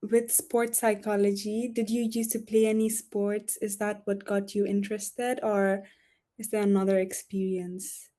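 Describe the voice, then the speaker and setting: A young woman asks her guest questions in a gentle, casual way, starting with an "um" and backing him with quiet "yeah"s. Her tone is warm and mellow at a middle pitch. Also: little pitch movement, a little slow. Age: young adult. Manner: gentle, with "um" openers and short "yeah" backchannels. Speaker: student interviewer.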